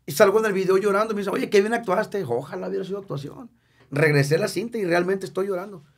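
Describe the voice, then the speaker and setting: A Mexican singer in his fifties, appearing as a guest in a casual interview, speaks with a high-pitched male voice and talks fast. He's candid and emotional, cracking jokes and repeating words for emphasis.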